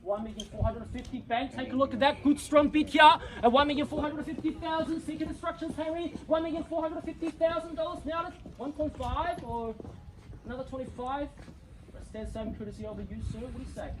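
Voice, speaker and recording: Very high-pitched male property auctioneer. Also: steady tone, fairly quick, slight background noise, poor audio. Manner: showy, rallying patter urging bidders. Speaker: real estate auctioneer. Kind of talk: live auction calling, repeating bid amounts. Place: live property auction before a crowd.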